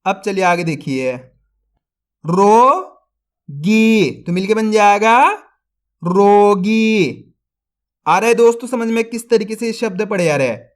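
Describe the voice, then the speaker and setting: A man teaching Hindi reading, sounding out syllables slowly and saying each joined word louder, then explaining more quickly to his viewers. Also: high voice, lively intonation. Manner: slow drawn-out syllables, louder when joining a word; speaks quicker and softer when explaining. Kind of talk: online reading lesson.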